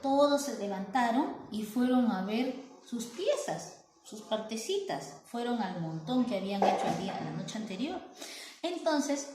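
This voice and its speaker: A woman telling a story to children, animated and often asking the listener questions. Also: a little high, a little slow, background noise. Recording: roomy echo.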